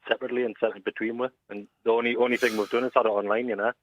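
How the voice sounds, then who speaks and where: A man's voice: medium pitch, level tone, racing, a little hiss or hum. A man with a North East England accent chatting casually and colloquially as a caller on a radio phone-in, over a phone line. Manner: colloquial, frequent "you know" and "aye". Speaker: phone-in caller, band singer. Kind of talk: casual chat. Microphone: telephone call to radio show. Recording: muffled, narrow phone line.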